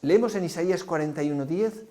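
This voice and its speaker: A preacher delivers a sermon in a somewhat high but mellow, warm voice. He paints scenes vividly and keeps turning to his congregation with rhetorical questions. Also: fast.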